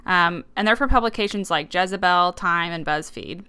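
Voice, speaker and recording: A woman's voice: fairly low pitch, normal speed, bright, forceful tone, clean tone. A woman co-hosting a casual podcast, talking in a wry, skeptical, amused way. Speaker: podcast co-host.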